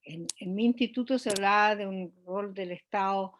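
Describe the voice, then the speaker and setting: A woman's voice: mid-range voice, fairly even intonation. A woman economist speaking as an interview guest, explaining at length with frequent hesitations and restarts. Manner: measured, many hesitations and restarts.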